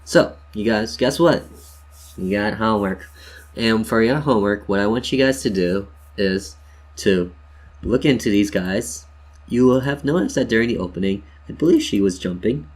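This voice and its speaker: At a moderate pace, a man with a fairly low voice hosts a relaxed tutorial, narrating his screen. He jokes around, calls his audience "you guys," and chats them through every step.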